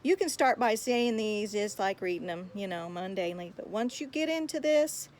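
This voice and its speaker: A woman's voice: mid-range voice, lively intonation, moderate pace, a little mellow. A woman giving earnest, exhorting advice on how to pray, often repeating words as she gathers her thoughts. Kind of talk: earnest spoken encouragement on prayer.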